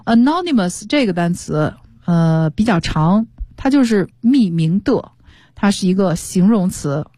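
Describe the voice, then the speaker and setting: A woman's voice: mid-range voice, animated, a little slow, dark tone, no room sound. A woman teaching English on a radio lesson, explaining patiently and spelling words out. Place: radio studio.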